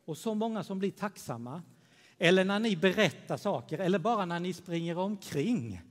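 A man gives a children's sermon, his voice sitting a little high for a man. He speaks gently and tells a story to the young listeners. His words ring out with a long church reverb. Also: expressive. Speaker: pastor.

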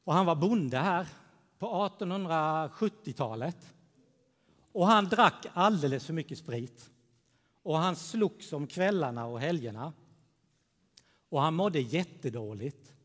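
Gentle pastor in a reverberant church. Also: male voice, on the high side, animated. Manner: gentle, storytelling, addressing children. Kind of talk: children's sermon in church.

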